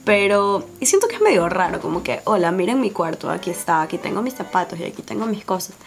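Young woman, Guayaquil accent, casual beauty vlog chat, mid pitch, faint background music. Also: sing-song, fast talker, creaky. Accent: Guayaquil Spanish. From Ecuador. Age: 20s. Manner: chatty, laughs often, filler-heavy. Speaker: beauty YouTuber. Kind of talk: casual Q&A chat while doing makeup. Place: small indoor room before a dark backdrop. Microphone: camera on tripod at head-and-shoulders framing.

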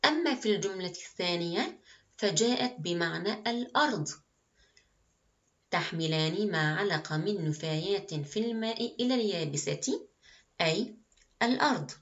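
A woman gives a primary school lesson, speaking slowly and clearly to young children. She praises them often as she moves through the exercises. The recording sounds dull and lo-fi. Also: fairly low pitch, expressive, a bit bright. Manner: slow, clear, encouraging teacher talk with frequent praise. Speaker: primary school Arabic teacher.

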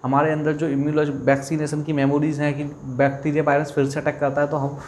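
Higher-voiced male biology teacher. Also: monotone, quick pace, a little mellow, a little hiss or hum. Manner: asks questions and answers them himself, repeats key terms. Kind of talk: exam-prep lecture.

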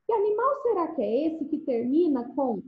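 A woman's voice: high-pitched, big pitch swings, moderate pace. A woman teacher leading a remote lesson for first graders in a coaxing, sing-song manner, often checking that the children follow. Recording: echoey room, dull lo-fi sound.

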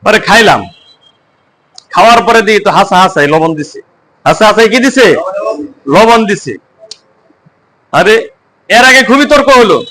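High bright-voiced teacher man. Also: lively intonation, unhurried, long pauses, low-quality recording. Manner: keeps quizzing the class by repeating questions, tells homely examples. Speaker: Quran teacher. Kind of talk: classroom teaching with call-and-response. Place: mosque.

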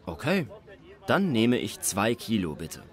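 A man acting a polite shopper at a market in a scripted language-lesson dialogue, speaking slowly and deliberately. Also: fairly low pitch, wildly swooping pitch, exaggerated voice. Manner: slow, deliberate learner-friendly delivery.

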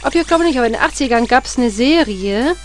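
With a high, animated voice and a slightly quick pace, a woman in her thirties narrates her playthrough chattily, recalling old memories and cursing the game. Faint game music sits underneath.

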